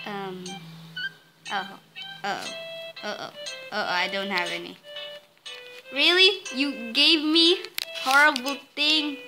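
Excitable woman gaming host, unhurried, squealy outbursts over game music. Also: mid-range voice, rough recording. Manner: excitable, bursts into squeals and complaints while playing. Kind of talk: casual game commentary.

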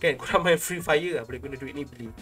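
Speaking fast with a sharp edge, this medium-pitched young man with a Malaysian accent talks informally to his YouTube subscribers, treating them like younger siblings. He sits near a desk microphone in a small home room while background music plays.

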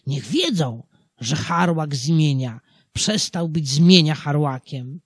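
A narrator voicing a simple old peasant, older than 60, who grows merrily tipsy, in a slow, breathy audiobook reading of a folk tale. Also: lively intonation, no room sound. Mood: merry. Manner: wondering, merry, high-pitched outbursts.

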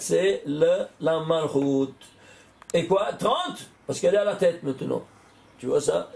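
An older man, a rabbi, giving an animated Torah lesson, working through numbers aloud and breaking into excited exclamations and questions to his listeners. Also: fairly high pitch. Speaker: rabbi teaching Torah and Kabbalah.

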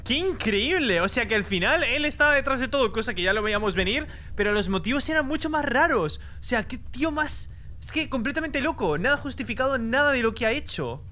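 A young man, commentating a horror game and reading its dialogue aloud, excitable and loud. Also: very high voice, a little fast. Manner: excitable, shouts and laughs at the game. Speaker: gaming YouTuber.

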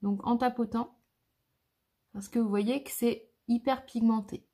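A woman's voice: on the high side, steady tone, measured pace, dark tone. A woman, a makeup artist talking viewers through a makeup tutorial step by step in a chatty way. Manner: chatty, shows each step.

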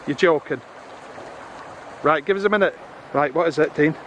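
A chatty, excitable middle-aged man with a slightly raised voice, talking to his viewers outdoors by a river. He is recorded on a camera, with faint background noise. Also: fairly high pitch, normal speed, dull audio. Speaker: magnet fishing vlogger. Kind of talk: casual outdoor commentary. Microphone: camera on a tripod or handheld.

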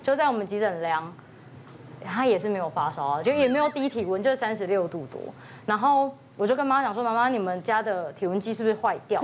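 A woman's voice: medium pitch, slight background noise. A woman doctor on a TV talk show, telling an anecdote and acting out the quoted lines of a worried mother. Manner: retells dialogue, quickly switching into quoted voices. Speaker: emergency room doctor.

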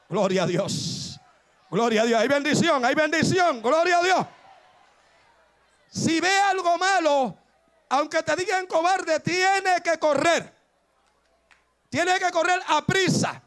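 A man preaching a fervent Pentecostal sermon who shouts and exhorts in bursts, repeating his phrases. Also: very high voice, slow, long pauses.

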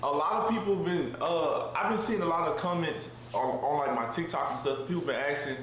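A man's voice: a little high, fairly quick, a bit bright. A man in his twenties chatting casually in a living room, laid back and full of slang, saying "bro" at the end of lines. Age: 20s. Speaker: basketball player. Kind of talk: casual vlog chat. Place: living room with kitchen behind. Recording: very echoey room, faint hiss.

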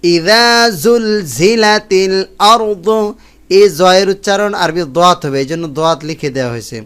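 A man giving a Quran pronunciation lesson in a clear, smooth voice set a little high. He recites the Arabic slowly, stretching each sound, then explains how each letter is formed in quicker speech. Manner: slow drawn-out Arabic recitation between brisk spoken explanations.

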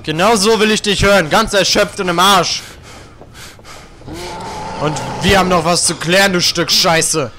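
A man's voice: high-pitched, unhurried, pauses often, pushed and bright, a little hiss or hum. A young man commenting on a video game he is playing, crude and jokey, trash-talking the characters on screen. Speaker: let's play gamer.

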